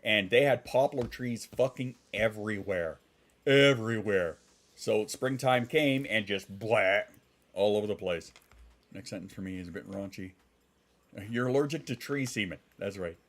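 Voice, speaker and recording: Congested and sniffling, a man in his thirties chats casually on a live stream from home in a lowish voice at normal speed. He rambles, swears and reacts to chat.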